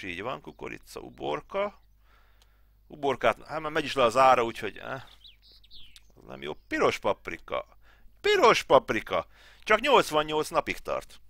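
Playing a farm game tutorial at home, a gaming channel host from Hungary, in his thirties, chats away, thinks aloud and mutters under his breath. His mid-range voice is creaky, pushed and bright, recorded at studio quality without echo.

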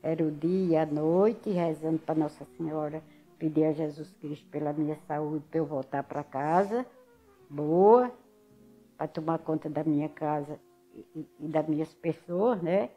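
An older woman from Alagoas, with a Northeastern Brazilian accent, tells her story in a casual interview, her voice low and the sound lo-fi. She is a lively storyteller who acts out what other people said.

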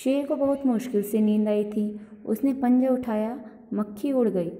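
एक अध्यापिका ऑनलाइन कक्षा में बच्चों को कहानी पढ़कर सुनाती है और हर पंक्ति को सरल शब्दों में फिर समझाती है।. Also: female voice, fairly high pitch, moderate pace, dark tone. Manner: reads each line then re-explains it simply. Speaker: school teacher. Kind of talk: online class story reading. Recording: echoey hall reverb.

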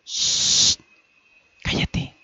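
Un hombre dando voz a Candy, una joven insegura y tímida que titubea y se atropella al hablar. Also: male voice, medium pitch, takes it slowly, a little mellow, no echo, lightly acted. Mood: flustered. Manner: hesitant, stammering and flustered. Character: Candy, shy young woman, insecure and easily flustered.

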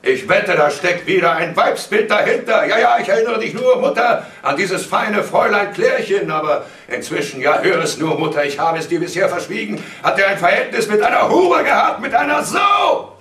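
A man reading aloud, voicing a furious, bullying father who shouts in a high, strained voice at a live reading. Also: sing-song, normal speed, few pauses. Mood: raging. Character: enraged elderly father, bullying and contemptuous. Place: cinema hall, live reading. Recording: roomy hall, mic far off.

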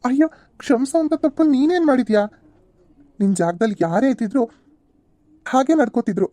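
A calm young husband from a cartoon serial, voiced by a woman, talking softly and reassuringly. The voice sits a bit high for a man, with a mellow, dark tone. He explains things patiently to his wife and in-laws. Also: a little fast, dry recording, natural voice. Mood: gentle.

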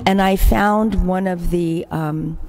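A woman's voice: fairly low pitch, fairly even intonation, takes it slowly. An older woman, a religious sister, telling stories of her community's work in an appeal at Mass, acting out the people she quotes. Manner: warm-hearted anecdotal storytelling, acts out quoted voices. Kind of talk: storytelling church appeal. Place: large church. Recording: echoey church hall.

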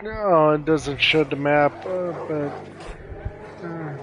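A man's voice: fairly high pitch, very slow, a bit bright, soft background music. A man casually commenting while playing a video game, rambling and snacking as he talks. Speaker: streamer.

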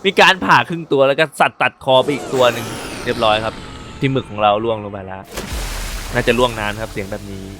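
A man at a middle pitch giving casual gameplay commentary, joking and chatting as he plays. His play-by-play gets excitable during the action. Game music plays clearly underneath his voice. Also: fast. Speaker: gaming channel host.

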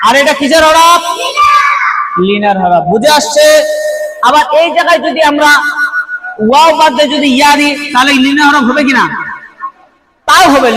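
A man's voice: extremely high pitch, sharp tone. A man teaching a Quran reading lesson, quizzing students with repeated questions and often calling out. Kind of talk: classroom lesson. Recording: echoey room.

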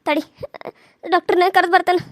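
A woman's voice: very high voice, level tone, normal speed, dry recording, clean studio sound. A woman voicing an older village aunt, caring and firm, talking steadily and earnestly with a North Karnataka Kannada accent. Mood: worried. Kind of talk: cartoon voice acting.

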